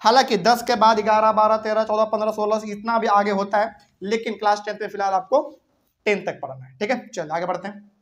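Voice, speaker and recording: A man's voice: sits high, steady tone, brisk. Hindi-speaking man teaching chemistry. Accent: Bihari Hindi. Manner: explains step by step, asks the class questions. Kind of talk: whiteboard chemistry lesson.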